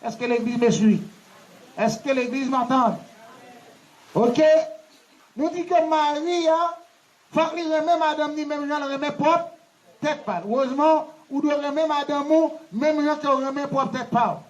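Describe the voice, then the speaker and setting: A man's voice: very high voice, unhurried, lo-fi sound. A man with a Haitian accent, a pastor preaching a wedding sermon in call-and-response, asking the congregation questions and having them repeat after him. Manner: laughing, teacherly questioning.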